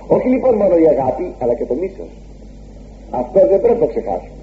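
A man preaching a sermon, retelling a scripture story with lively, swooping emphasis and repeated exclamations. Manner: animated, swooping pitch on emphasis. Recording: tinny phone-like recording with faint hum.

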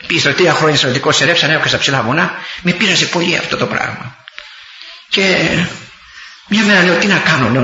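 Older male preacher, passionate, bright cutting tone, dull lo-fi recording. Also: a little high. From Greece. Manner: impassioned, rises to near-shouts, acts out dialogue. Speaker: priest, former army chaplain. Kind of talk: storytelling sermon. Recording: echoey, dull lo-fi room recording.

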